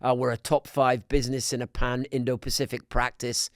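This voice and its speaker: A middle-aged man from Scotland, a podcast guest talking in a measured way with many restarts. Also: mid-range voice, flat delivery, dry recording, studio quality. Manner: measured, with frequent restarts and fillers. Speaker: guest, business council president. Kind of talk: conversational podcast interview.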